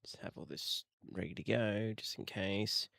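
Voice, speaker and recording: A man's voice: on the low side, a little slow, vocal fry, a bit bright, no echo, studio quality. A man chatting in a casual, jokey way on a livestream while he edits audio on his computer. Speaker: streamer editing rail audio.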